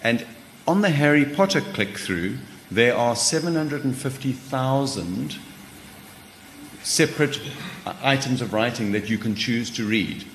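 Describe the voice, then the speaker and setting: A South African man speaks informally as a publisher on a panel, discursive and a little hesitant. His medium-pitched voice has lively intonation and an unhurried pace. The recording was made in an echoey hall with far reverb and faint noise.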